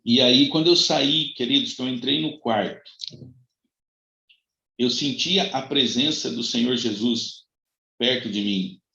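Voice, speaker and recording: A man preaching as a pastor, telling a personal testimony with dramatic swings between high cries and soft low passages. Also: unhurried, creaky, long pauses. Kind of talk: sermon testimony. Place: church. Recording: echoey, dull lo-fi church recording.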